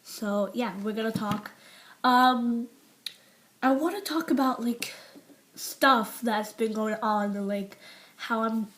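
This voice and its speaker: A seventeen-year-old UK girl vlogs an unscripted personal confession to camera in a slightly high, fairly bright voice. She talks slowly and pauses often, rambling with many fillers and restarts, and drops to a near whisper on painful topics.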